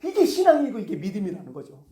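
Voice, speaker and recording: Man, pastor, conversational sermon, animated pitch, echoey church hall. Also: fast talker. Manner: conversational, lively, asks the congregation questions. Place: church sanctuary.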